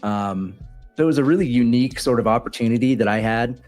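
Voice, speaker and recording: A man's voice: mid-range voice, quick pace, a little mellow, faint music behind. A man from Texas talking casually as an interview guest, easygoing and laughing often over a home mic on a video call. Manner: easygoing, many fillers and restarts, laughs often. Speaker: guest trader.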